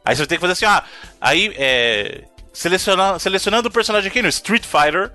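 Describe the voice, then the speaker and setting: A man's voice: high-pitched, expressive, fast talker, pushed and bright, soft background music. A Brazilian man co-hosting a casual gaming podcast, arguing his point emphatically and repeating himself for emphasis. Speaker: podcast co-host. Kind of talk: casual chat about video games.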